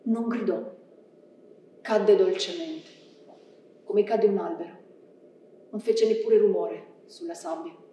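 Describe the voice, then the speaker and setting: A woman giving a hushed, measured dramatic reading of a story on a theatre stage. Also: mid-range voice, slight background noise. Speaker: stage reader. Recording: echoey theatre from far off.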